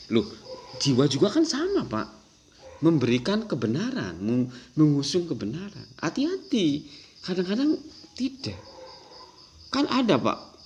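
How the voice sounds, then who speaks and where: A man lectures on Islamic philosophy in an animated way, his pitch rising and falling widely. He poses rhetorical questions and acts out the voices he quotes. A faint background noise sits under the recording.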